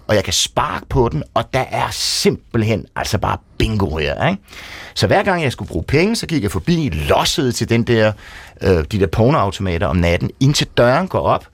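A Danish man telling a wild personal story on a radio show. His pitch swings up and down as he talks. The voice is close and dry, with no room sound. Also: no echo. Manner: lively storyteller, acts out shouting people. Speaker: guest storyteller. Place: radio studio.

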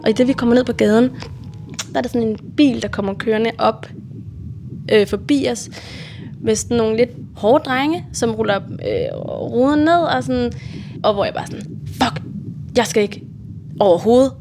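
A woman telling a personal story for radio, lively and swearing, acting out her own shouted lines. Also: fairly high pitch, background noise. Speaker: storyteller recounting a hitchhiking trip. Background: music under the voice.

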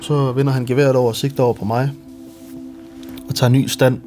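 A Danish man giving documentary testimony in a measured, detailed way. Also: mid-range voice, level tone, mellow, soft background music. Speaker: interviewee recounting family events.

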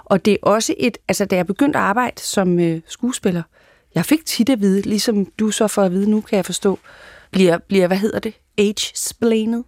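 A woman's voice: mid-range voice, a little mellow, dry recording. A woman actress talking reflectively in a casual studio conversation, hesitant with many fillers. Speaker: actress and guest.

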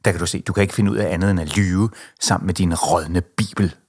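A man reading aloud the lines of an angry, defiant young boy who taunts and shouts. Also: sits low, steady tone, husky.

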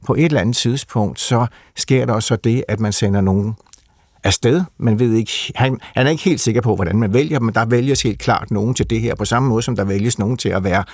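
A man's voice: on the low side, a little mellow, dry recording, studio quality. A man explaining a literary subject in a conversation, thoughtful and hesitant, with many fillers and restarts. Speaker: literature expert guest.

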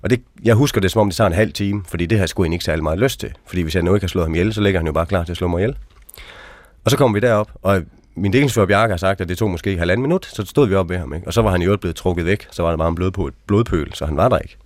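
A man with a very deep, low voice tells his experiences as an interview guest. He talks frankly and casually, often ending sentences with questioning asides. The sound is dry and close. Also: dry recording. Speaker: interview guest, army veteran. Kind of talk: casual storytelling.

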